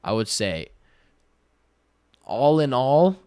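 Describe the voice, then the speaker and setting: A twenty-year-old man livestreaming, reading viewer questions aloud and answering in relaxed, slangy chat full of fillers. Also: medium pitch, slow pace, smooth, no echo, clean studio sound. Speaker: day-trading livestreamer.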